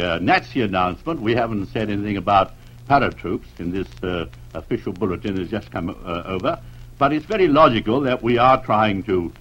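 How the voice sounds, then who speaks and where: A man giving live radio news commentary, earnest and unscripted with frequent pauses, heard as an old 1940s radio broadcast. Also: lowish voice, fairly bright tone, slightly rough. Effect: old 1940s radio broadcast sound. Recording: dull lo-fi archival radio recording.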